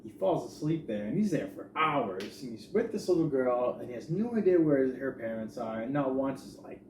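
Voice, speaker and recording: Dude co-hosting a movie podcast, skeptical, chill, noisy roomy recording. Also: male voice, medium pitch, animated, normal speed, recorded from a distance. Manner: skeptical, laid-back, profane. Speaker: podcast co-host. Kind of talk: casual movie review chat. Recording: echoey room with noise.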